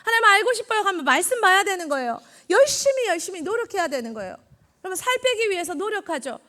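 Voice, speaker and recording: Woman evangelist for a children's sermon. High, lively, quizzes the kids as she preaches. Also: quick pace. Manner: quizzes the children and echoes their answers; acts out God's words in quoted lines. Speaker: junior evangelist.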